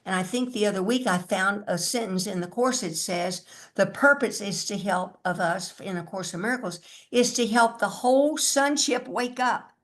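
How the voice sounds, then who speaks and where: A woman's voice: medium pitch, moderate pace. A woman, older, giving a spiritual talk in a musing way, chanting mantras now and then. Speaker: spiritual teacher.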